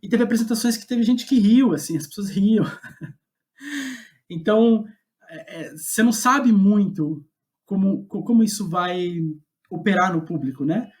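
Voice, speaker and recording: A Brazilian-accented man with a high, slightly mellow voice speaks unhurriedly as a guest playwright in a reflective interview. He thinks aloud, hesitant and thoughtful, often rephrasing and reformulating what he says.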